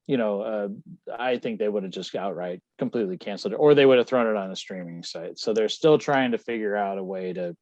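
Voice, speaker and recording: A man's voice: lowish voice, brisk, darkish tone, no room sound. A man talking as a guest in a casual podcast chat, rambling and correcting himself as he speculates. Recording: dull dry lo-fi sound.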